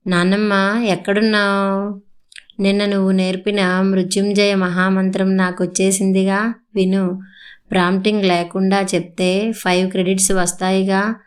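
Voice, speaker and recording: A woman's voice: mid-range voice, flat delivery, normal speed, lightly acted. A woman voicing a young boy in a storybook reading, speaking in a pleading, childlike way. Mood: eager. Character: young boy grandson, upset and tearful.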